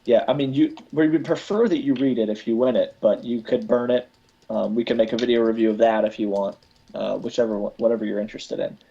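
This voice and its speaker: A man's voice: mid-range voice, steady tone, quick pace, creaky, dark tone, breathy edge, muffled recording. A man hosting a casual live podcast, rambling with many restarts. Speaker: podcast host.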